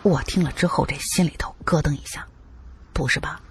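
A man's voice: fairly high pitch, brisk, darkish tone, whispered. A male narrator telling a first-person adventure story in a dramatic, colloquial way.

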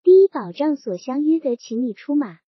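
A woman's voice: high-pitched, sing-song, moderate pace, no echo. A woman reading the part of a scheming male township chief who needles and threatens, in a dull lo-fi recording. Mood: sly, menacing.

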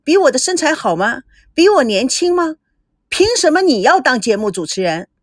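A woman doing a shrill, spoiled young brat. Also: very animated, normal speed, no echo, studio quality. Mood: boastful. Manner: whiny, shrill tantrums. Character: spoiled bratty young woman, clingy and loud. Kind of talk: storybook voice acting.

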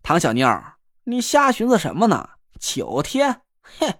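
A man's voice: a little high, huge pitch swings, measured pace, a bit bright, no echo, studio quality, full character voice. A man voicing a cocky, joking young man who teases his friend while cooking. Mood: boastful. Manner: teasing, boastful, chatty slang. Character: cocky joking young male camp cook. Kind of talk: audiobook character voice.

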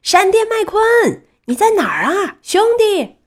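A goofy male tow truck from a children's storybook, bouncing with glee and calling out loudly in a voice pitched well up, as a woman reads him out. His lines leap high and swing wildly. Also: normal speed, husky, exaggerated voice. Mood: excited. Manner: excited shouting, upbeat.

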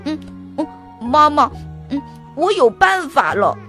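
A woman's voice: high voice, very animated, unhurried, fairly bright tone, soft background music, heavily acted. A woman voicing a little girl bear cub who keeps asking questions, hesitant and full of small fillers, in a children's storybook. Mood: eager, pleading.

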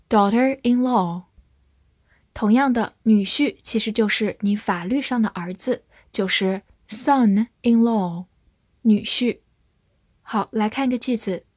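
A woman teaching English vocabulary, spelling each word letter by letter and reading example sentences slowly. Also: a little high, darkish tone, dry recording, studio quality. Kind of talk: slow, careful vocabulary lesson.

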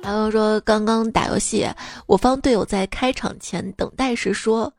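A young woman hosting a comedy podcast, reading listener jokes in a lively, casual way and laughing at them. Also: medium pitch, normal speed, vocal fry, no echo, clean studio sound, soft background music.

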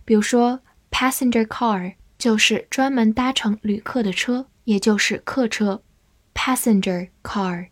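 A woman teaching English vocabulary, spelling each word out letter by letter and repeating it slowly. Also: fairly high pitch, fairly even intonation, dry recording. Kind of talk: slow, spelled-out vocabulary lesson.

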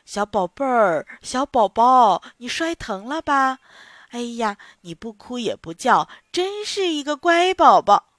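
A woman voicing a careless, flustered young mother who calls out high and loud in a children's story. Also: sing-song, measured pace, no room sound, studio quality. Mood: cooing. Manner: frantic, high and loud, crying out.

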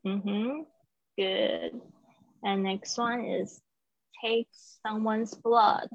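A woman's voice: medium pitch, steady tone, extremely slow, dry recording, muffled recording. A woman tutoring English vocabulary over a video call, patiently correcting pronunciation and encouraging her student. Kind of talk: live online vocabulary lesson.

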